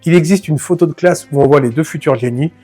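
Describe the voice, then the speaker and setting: A man hosting a film analysis video, talking casually and speaking straight to the viewer with lively slang. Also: on the high side, quick pace, husky, soft background music. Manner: familiar, addresses the viewer directly, lively slang. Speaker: film channel host.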